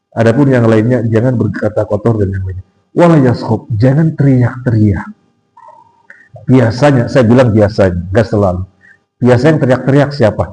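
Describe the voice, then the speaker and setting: A man preaching in a mosque, his voice mellow and mid-pitched. He talks in a chatty, teasing way, often quizzing his listeners. When he quotes others, his voice climbs into a strained, raised pitch. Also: low-quality recording. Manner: chatty and teasing, questions the audience and laughs. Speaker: ustadz giving a pre-Ramadan study talk. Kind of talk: informal sermon.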